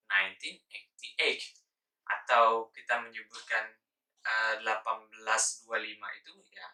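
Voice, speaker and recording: A man from Indonesia teaching an English lesson, saying words slowly one by one and mixing in English terms. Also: medium pitch, pushed and bright, roomy sound, far from the mic. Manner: slow, drawn-out word-by-word pronunciation drills. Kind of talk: casual spoken lesson.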